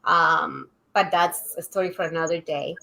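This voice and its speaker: A woman's voice: low voice, fairly even intonation, moderate pace, gravelly, bright, forceful tone, poor audio. A woman from Ecuador, a guest on a live interview, earnestly telling her family story with a few fillers. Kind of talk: candid personal storytelling.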